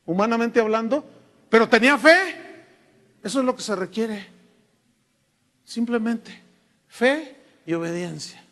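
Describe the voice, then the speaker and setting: A Mexican man preaching a sermon as a pastor, telling humorous stories with lively asides in a church hall. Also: very high voice, a little slow, pauses often. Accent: Mexican Spanish. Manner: storytelling, humorous, animated asides. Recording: echoey hall reverb.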